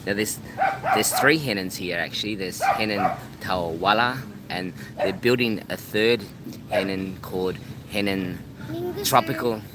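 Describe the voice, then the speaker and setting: Live-streaming by phone from a restaurant by the beach, this travel vlogger talks casually in a low, slightly slow voice. He keeps restarting his sentences and repeating words, while traffic noise fills the background.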